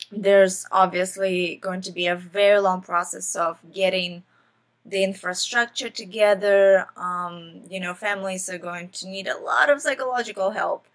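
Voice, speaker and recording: A young woman from Ukraine hosting a podcast, talking earnestly and casually with lots of fillers. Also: mid-range voice. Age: young adult. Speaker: podcast host. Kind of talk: casual personal podcast talk.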